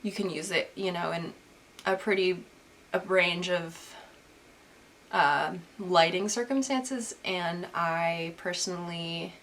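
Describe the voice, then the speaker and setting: Slow and lowish, her voice slightly bright yet stuffy from a recent illness, a young woman answers photography questions from viewers in a casual vlog. She rambles, full of "like" and restarts, over slight background noise from the camera's built-in mic.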